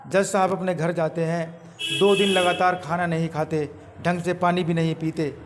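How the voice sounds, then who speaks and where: A man's voice: on the high side, slight background noise. A man narrating a moral story with earnest, emphatic repetition.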